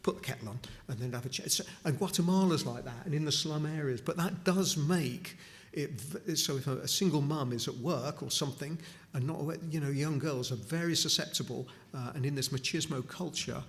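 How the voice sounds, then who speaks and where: At a chapel, a middle-aged Newcastle upon Tyne man gives an informal charity talk to the congregation in a fairly high, fairly quick voice. He speaks conversationally, frequently restarting and adding asides.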